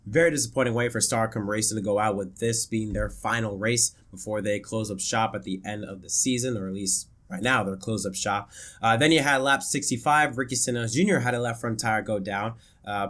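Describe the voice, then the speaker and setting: A man's voice: lowish voice, fairly quick, fairly bright tone. A man with a congested, worn voice from illness, casually reviewing a car race with many fillers and restarts. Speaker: racing commentary YouTuber.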